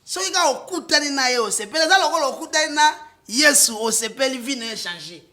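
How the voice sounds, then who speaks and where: A man's voice: very high voice, lively intonation, quick pace. A man with a Congolese French accent, a political guest speaking passionately and switching between French and Lingala. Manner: emphatic, rising to loud outbursts, with restarts. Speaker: political guest, party supporter. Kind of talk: impassioned political talk, mixing French and Lingala.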